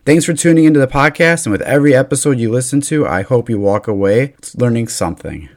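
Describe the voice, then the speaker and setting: A man hosting a podcast, earnest and measured, a bit halting when asking questions. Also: mid-range voice, animated, darkish tone. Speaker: podcast host. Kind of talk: podcast intro and interview.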